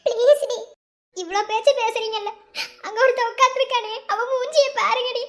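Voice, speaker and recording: A woman plays a desperate young cartoon character who begs again and again for a younger sister. The voice is very high and full of emotion. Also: fairly even intonation, brisk. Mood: pleading. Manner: pleading, emotional. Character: desperate young adult sibling begging for a sister. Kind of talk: cartoon voice acting.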